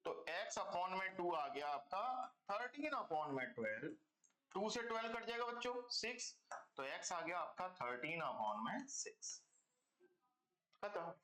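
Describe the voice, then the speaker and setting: A man's voice: high voice, sing-song, a little slow, sharp tone, echoey room. A man teaching a math class online, explaining step by step and checking in with his students again and again, calling them kids. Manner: calls students "beta" and "bachcho".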